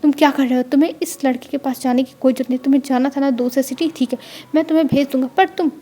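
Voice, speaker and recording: A woman's voice: high-pitched, fairly even intonation, rapid-fire, mellow, close to an everyday voice. A woman voicing an angry, strict middle-aged father who scolds his son in a storybook retelling.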